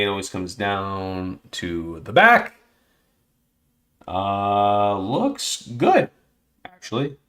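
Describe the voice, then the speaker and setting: Sorting through cards on a laid-back livestream, this male host chats away and mutters to himself, dropping little exclamations. He has a low voice with a fairly bright tone.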